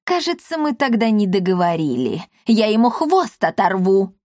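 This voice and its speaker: A woman's voice: mid-range voice, sing-song, moderate pace, darkish tone, no echo, clean studio sound, close to an everyday voice. A woman voicing a grumpy, sly old male apothecary who grumbles, hisses and squeals. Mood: suspicious. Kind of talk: audiobook character voice.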